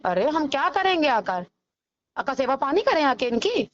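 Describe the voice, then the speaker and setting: A woman's voice: sits high, very animated, normal speed, lo-fi sound. A woman, the injured man's wife, speaking dismissively and bitterly during a heated argument.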